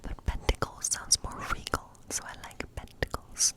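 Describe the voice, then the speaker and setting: Fully whispered, this female ASMR performer plays a gentle witch giving a tarot reading. Her pace is unhurried and thoughtful, and she muses aloud as she goes.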